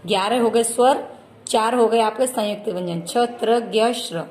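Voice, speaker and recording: A woman's voice: on the high side, normal speed, a little mellow. A woman teaching a children's Hindi grammar lesson, patiently repeating terms and addressing her pupils fondly. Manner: patient, repeats terms and calls listeners "beta".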